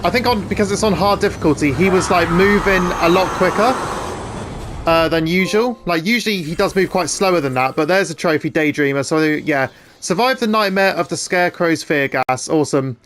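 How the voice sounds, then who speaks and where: A young man in his twenties giving excitable, chatty gameplay commentary. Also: high voice, a little fast, a little hiss or hum. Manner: excitable, chatty, frequent restarts. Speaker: gaming YouTuber.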